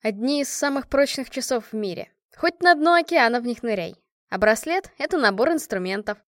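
A fond, joking squad commander raising a toast, her voice a little high and light, as a female reader puts her on. the recording is dry and up close. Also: expressive, a little fast, dry recording, close to an everyday voice. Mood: teasing. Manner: affectionate, joking toast-giver. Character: commander of a women's squad, warm and teasing. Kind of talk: audiobook character reading.

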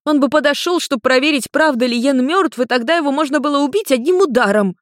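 A woman voicing an impulsive, affectionate young woman in a storybook reading, excitable and sulky. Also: sits high, quick pace, no room sound, clean studio sound, pitched above the performer's own voice. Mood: defensive.

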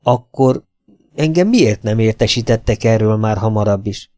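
A man's voice: fairly low pitch, lively intonation, mellow, no room sound, studio quality, lightly acted. A man voicing a tense young man in an audiobook, speaking in agitated, demanding bursts.

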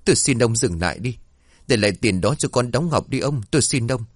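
A man's voice: lowish voice, animated, fairly quick, slightly rough, no echo, clean studio sound. A man doing a pleading, long-suffering mother. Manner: pleading, tearful.

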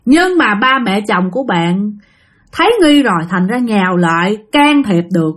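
Lively Southern Vietnamese woman storyteller. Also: mid-range voice, normal speed. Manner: addresses listeners directly, animated retelling. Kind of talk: spoken ghost story narration.

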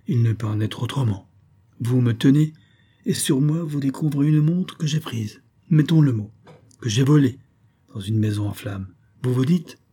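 A man's voice: mid-range voice, warm tone, slightly rough, natural voice. A man doing a cunning suspect pleading innocence. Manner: theatrical, pleading. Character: cunning male suspect feigning outraged innocence.

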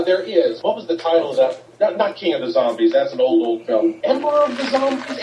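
A man's voice: fairly high pitch, a little mellow. A man chatting casually about movies as a podcast guest, speaking with emphatic enthusiasm. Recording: roomy, dull, distant, faint noise.

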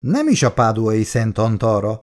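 A man's voice: on the low side, huge pitch swings, darkish tone. A man voicing a worried middle-aged mother who frets, scolds and laments. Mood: fretful scolding. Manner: fretful, complaining and lamenting.

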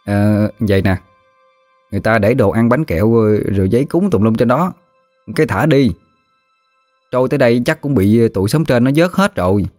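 A man's voice: medium pitch, expressive, fairly quick, darkish tone, soft background music, close to an everyday voice. A man voicing a chubby, joking village boy, offhand and lazy.

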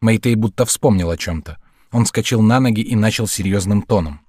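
A male narrator reading a literary story aloud in a measured, even way. His voice sits low and plain. The recording is close and dry, with no room sound. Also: breathy edge, no echo. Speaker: audiobook narrator.

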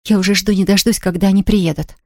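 A woman reading aloud, voicing an eager, chatty young girl who talks in quick exclamations. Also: medium pitch, steady tone, a little mellow, no room sound, studio quality, close to an everyday voice. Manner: breathless, rapid, exclamatory.

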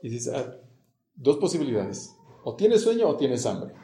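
A man's voice: mid-range voice, very animated, a little slow, warm tone, roomy sound. A middle-aged man with a central Mexican accent preaching a sermon, talking conversationally and acting out quoted prayers and dialogue. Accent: central Mexican Spanish.

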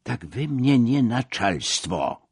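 A man's voice: medium pitch, wildly swooping pitch, slow, mellow, breathy edge, no room sound, studio quality, pitched above the performer's own voice, full character voice. A man voicing a defiant village policeman who speaks Polish with a Russian accent. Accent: Russian-flavoured Polish. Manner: stubborn, curt.

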